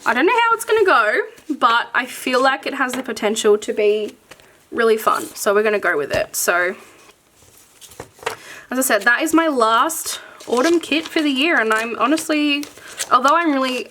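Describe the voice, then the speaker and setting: A woman's voice: on the high side, pushed and bright, slight background noise. A woman chatting casually and enthusiastically as she shows off her planner supplies, with lots of fillers along the way. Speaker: planner content creator. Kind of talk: casual chat showing craft supplies.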